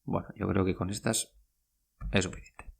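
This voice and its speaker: A man's voice: low-pitched, flat delivery, normal speed, creaky, breathy edge. A man teaching a podcast language lesson, patient and repetitive, spelling out words and saying each phrase twice.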